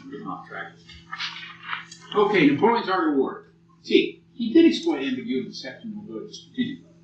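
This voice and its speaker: A man's voice: fairly high pitch, fast, slight background noise. A man in his sixties with an American accent, lecturing a class and telling blunt, profane war stories. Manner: blunt, profane, animated storytelling. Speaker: military lecturer. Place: lecture hall. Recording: muffled old tape from far off in an echoey room.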